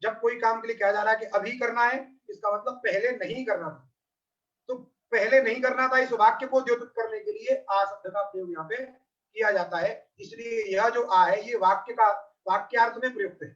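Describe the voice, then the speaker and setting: A man's voice: high voice, steady tone, normal speed, a bit bright. A man teaching Sanskrit grammar in a patient, repetitive way. He often asks his students whether they have understood. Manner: repeats phrases, often asks "got it or not?". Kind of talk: explanatory lesson. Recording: dull, distant lo-fi recording.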